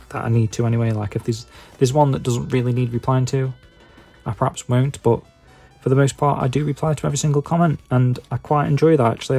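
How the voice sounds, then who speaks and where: A man from England speaks in a Stoke-on-Trent accent with a dark, relaxed tone at a middling pitch. He rambles casually to his viewers, hesitant and self-deprecating, padding his thoughts with filler phrases. Music plays behind him. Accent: Stoke-on-Trent English. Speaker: YouTube video maker and podcaster.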